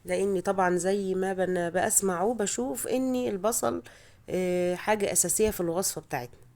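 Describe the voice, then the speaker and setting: Brisk and darkish in tone, this medium-pitched woman's voice belongs to a home cooking vlogger with an Egyptian Arabic accent. Though a cold has altered how she sounds, she keeps her recipe voice-over relaxed, talkative and self-mocking.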